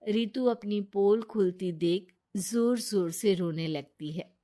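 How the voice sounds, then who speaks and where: A woman narrating a moral bedtime story in a quiet, even manner. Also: medium pitch, slow pace.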